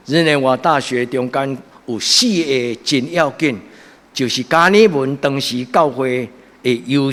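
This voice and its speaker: Taiwanese hokkien accent guy preaching a sermon, earnest pastor type, big echoey hall. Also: medium pitch. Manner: earnest, exhorting, swelling into loud emphatic passages. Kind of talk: church sermon. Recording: echoey hall with long reverb.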